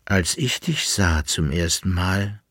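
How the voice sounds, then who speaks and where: A weary, lovesick emperor speaking with grave, earnest tenderness, read by a man with a deep, husky voice. He speaks slowly and deliberately, and the recording is dry and close, as in a storybook reading. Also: animated, fairly bright tone, dry recording, heavily acted. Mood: longing. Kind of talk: audiobook reading.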